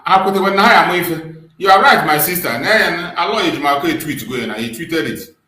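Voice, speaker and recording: Male Nigerian live-stream host, fairly high voice, emphatic and repetitive, roomy echo. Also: lively intonation, a little fast, a crowd in the background. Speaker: host of a live online political discussion. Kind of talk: live call-in commentary. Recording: roomy, echoing online stream.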